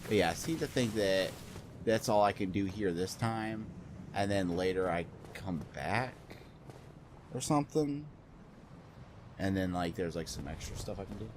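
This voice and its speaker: A man's voice: low voice, unhurried, background noise. A man giving casual gameplay commentary, rambling, joking and swearing freely. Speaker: let's play host.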